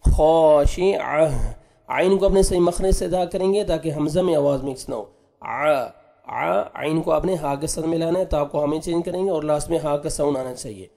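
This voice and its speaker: A man teaching Quran recitation, patiently spelling out letters and sounds, then drawing out each recited word slowly. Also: fairly high pitch, gravelly, warm tone. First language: Urdu.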